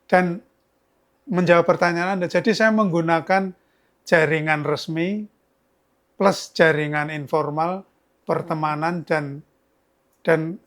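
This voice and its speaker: A man's voice: fairly high pitch, slow, pauses often. An older man from Yogyakarta, a book's author, telling stories in a casual, chatty interview with frequent restarts. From Yogyakarta, Indonesia. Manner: chatty, storytelling, many restarts. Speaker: author guest.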